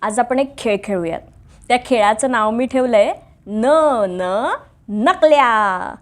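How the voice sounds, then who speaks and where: Woman host, children's alphabet lesson, slow unhurried delivery, claps out the letters. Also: on the high side. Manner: slow, lively, drills letters with clapping. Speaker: teacher and host of a home-learning show.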